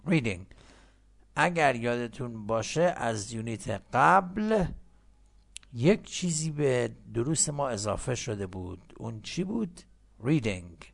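A man with a gravelly edge to his voice runs an English lesson. He drills short English phrases slowly and clearly for students to repeat, then explains fast in between. His pitch sits in the middle. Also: big pitch swings. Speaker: English teacher.

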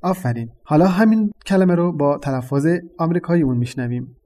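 Mellow-voiced man teaching a lesson. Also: fairly high pitch, lively intonation. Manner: measured, explanatory teaching tone. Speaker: language teacher and host. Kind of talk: explaining a lesson.

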